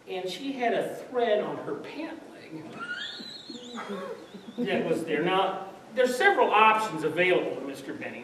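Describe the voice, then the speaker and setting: A man telling a comic story on stage, lively and laughing through his punchlines, recorded from far off in a large room. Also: a little high. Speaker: comedian. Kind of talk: stand-up storytelling. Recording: echoey hall from far off, noisy.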